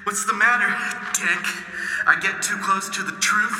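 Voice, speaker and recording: A man's voice: high voice, steady tone, a little slow, roomy sound, long reverb tail, noisy background. An actor playing a bitter, cynical drunk man who mocks and sneers at everyone. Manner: sneering, mocking.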